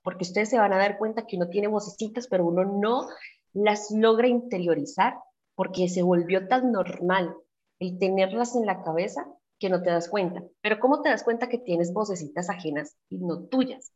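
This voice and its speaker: A middle-aged woman speaks earnestly and reflectively, sharing her own life story and addressing her listeners directly. Her voice sits at an ordinary pitch for a woman. The recording sounds somewhat dull and lo-fi. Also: normal speed, a little mellow. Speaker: motivational speaker. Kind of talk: personal testimony talk.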